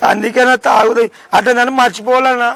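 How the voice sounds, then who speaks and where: A man's voice: extremely high pitch, fairly even intonation, fast talker, background noise. A young man pulling a prank, playing a heartbroken guy and pleading with repeated questions, recorded outdoors on a street. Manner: pleading, keeps asking questions, repeats himself.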